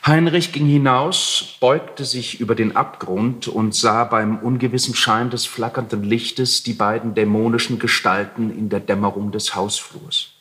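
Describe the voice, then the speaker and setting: Man reading literature slowly and dramatically. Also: medium pitch, fairly even intonation, a bit bright. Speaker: reader.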